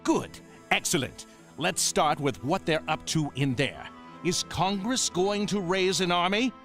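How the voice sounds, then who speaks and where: A pompous colonial journalist talks down to his listener. The voice is somewhat high and very expressive, in cartoon style, with music underneath. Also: unhurried. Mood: condescending, scheming. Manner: condescending, wordy. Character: condescending, pompous colonial newspaperman egging on an apprentice. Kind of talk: animated history cartoon acting.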